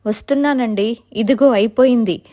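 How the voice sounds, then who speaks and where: A woman's voice: a little high, normal speed, dark tone, lightly acted. A woman voicing a pampered young wife who pleads in a tearful, frightened tone. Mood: pleading.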